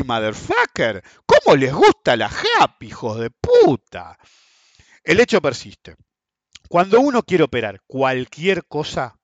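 A man's voice: on the high side, no room sound. A man with an Argentine accent hosting a podcast, talking casually in a profane, sarcastic way and laughing often. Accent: Argentine Spanish. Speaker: podcast host. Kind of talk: casual monologue on trading.

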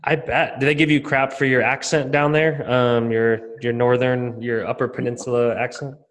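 A man's voice: medium pitch, little pitch movement, normal speed. A man hosting a casual interview in an informal, agreeable way, often affirming his guest. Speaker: interview host.

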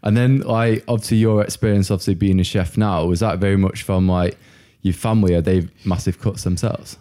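A man's voice: sits low, fairly even intonation, fairly quick, dark tone, no echo, clean studio sound. A man hosting a podcast casually, often saying "like" and "kind of". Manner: informal, often says "like" and "kind of". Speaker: podcast host.

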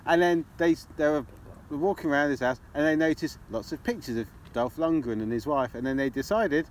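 A man's voice: on the high side, normal speed, a little hiss or hum. A young man co-hosting a podcast, joking crudely and swearing freely in casual banter. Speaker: podcast co-host.

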